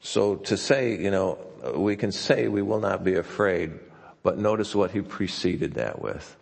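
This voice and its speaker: A low-voiced male pastor preaches in a folksy, chatty manner, stumbling and restarting as he goes. His voice is gravelly and a little husky. A long reverb from a church hall trails behind each phrase. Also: lively intonation, measured pace. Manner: conversational and folksy, with frequent restarts. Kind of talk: sermon. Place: church sanctuary.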